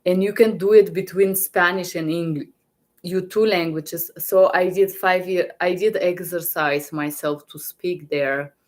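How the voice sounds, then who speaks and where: A low-voiced woman with a Bulgarian accent speaks slowly, her intonation fairly even and her tone a little mellow. As a medical interpreter trainer teaching casually on a live stream, she is halting, repeats words, and often restarts.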